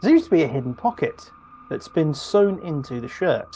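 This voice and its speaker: A man running a tabletop game as game master, describing scenes in a halting, word-searching way. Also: on the high side, sing-song, dark tone, slight background noise.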